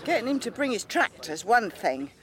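A woman's voice: a little high, sing-song, normal speed, fairly bright tone, slight background noise. A woman playing a fretful, homely middle-aged farming mother in a naturalistic radio soap. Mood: fretful, fond.

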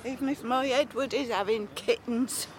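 A woman's voice: on the high side, fairly even intonation, normal speed, crowd noise, lightly acted. A woman playing a fretful, homely middle-aged farming mother in a naturalistic radio soap. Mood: fretful, fond.

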